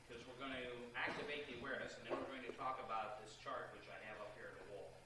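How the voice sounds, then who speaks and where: A man's voice: medium pitch, fairly even intonation, fast. A man teaching meditation to a group and guiding exercises, instructive and repeating phrases for emphasis. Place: indoor room with a group. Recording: echoey room, distant mic, noisy old tape.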